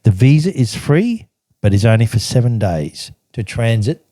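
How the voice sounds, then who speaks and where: This older podcast guest reads aloud from his old travel journal and casually recounts the tales behind it, laughing often. His medium-pitched voice is sing-song at a moderate pace, with a dark tone, no room sound and clean studio audio.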